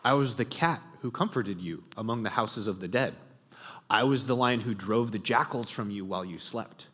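A man voicing a vast, gentle, ancient male lion, reading in a slow, low, hushed and solemn way, with a long reverb in a big room. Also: husky.

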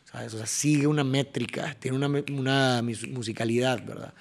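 A young man with a Mexican accent, a podcast guest explaining things in a casual, animated way, sometimes tapping out rhythms. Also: medium pitch, moderate pace, vocal fry.

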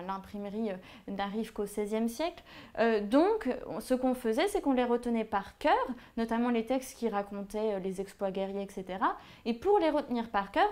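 A young woman with a fairly high, darkish voice teaches an exam revision lesson. She writes on a board as she talks, sounding hesitant and dropping in many "euh" fillers.

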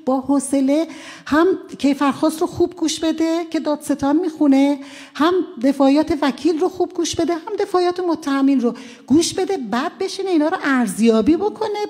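A woman's voice: sits high, dark tone. A woman from Iran, a defense lawyer, recounting courtroom events at a press conference in a conversational way, with frequent hesitant fillers.

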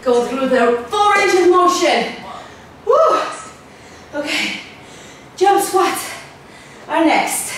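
A woman's voice: very high-pitched, lively intonation, slow pace, a bit bright, slight background noise. A woman fitness instructor coaching a workout with short encouraging cues, out of breath as she exercises along. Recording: roomy, from far off.

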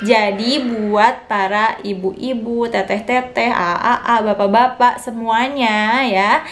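A woman's voice: on the high side, steady tone, takes it slowly. A young woman, chatting frankly to her viewers as a vlogger and new mother, and acting out what others said to her in a raised voice. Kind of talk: casual chat to viewers.

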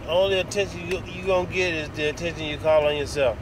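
This vlogger, a middle-aged American man, talks fast in a fairly high, steady-toned voice while giving a sweary, plainspoken opinion piece. He records on a phone at arm's length inside a vehicle cab, either parked or on the move. Vehicle noise comes through clearly, along with the hum of the car and air conditioning.

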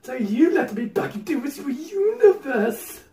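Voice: high-pitched, sing-song, unhurried, mellow, slight background noise. A performer voicing a gloating, theatrical villain showman in a fan audio drama. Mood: scheming. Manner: gloating, theatrical, wildly swooping delivery. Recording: roomy, distant home mic.

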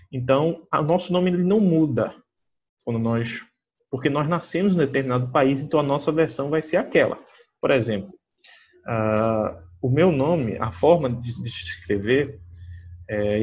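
A Brazilian man teaching a school English class. He talks in a chatty way, fills his speech with little tag words, and slows right down to read English example sentences. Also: medium pitch, darkish tone. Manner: chatty, many fillers like "né" and "tá". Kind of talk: recorded school lesson.

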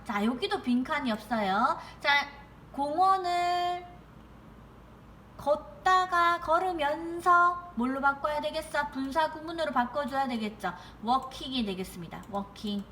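A young woman teaches an English grammar lesson in a fairly high voice. She keeps asking her viewers questions and reads each example sentence slowly, with a faint hiss behind her. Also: pushed and bright. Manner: coaxing, asks students rhetorical questions. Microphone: computer mic while writing with a mouse.

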